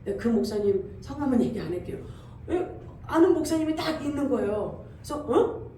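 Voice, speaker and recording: A woman pastor delivers a sermon in a high, mellow voice, animated and full of acted-out sound effects. She swells into loud exhortation as she drives her points home. The recording is echoey and distant, as if captured from the back of a church hall, with faint room noise. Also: brisk. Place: church sanctuary.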